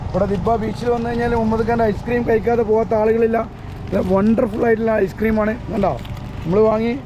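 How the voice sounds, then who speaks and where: Man, high-pitched voice, mix, effusive vlog host, noisy outdoor recording. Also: little pitch movement, fast, dull audio. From Malappuram, Kerala, India. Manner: mixes English words and phrases into Malayalam. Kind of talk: casual outdoor vlog interview. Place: outdoors at a beach. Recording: noisy outdoor audio with vehicle sounds.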